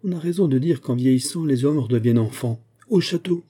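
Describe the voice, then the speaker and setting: A man reads a proud, hot-tempered aging musketeer captain in an audiobook. His retorts come sharp and indignant, in a very dark, husky voice. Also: mid-range voice, brisk, pitched above the performer's own voice, natural voice. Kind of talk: audiobook reading.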